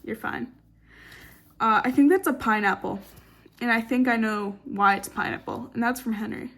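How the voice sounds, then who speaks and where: A woman's voice: on the high side, normal speed, fairly bright tone. A young woman in her late teens giving a casual late-night tour of her sketchbook. She is tired and rambling, joking and swearing in sarcastic asides, in a dim room at night. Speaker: artist showing her sketchbook.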